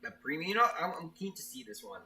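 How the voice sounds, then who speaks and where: A man's voice: on the high side, big pitch swings, fast, bright, forceful tone, distant mic. A man streaming a game and chatting with his viewers, who stammers and restarts his sentences often. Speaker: streamer, level maker. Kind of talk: casual live-stream chat, reading viewer chat.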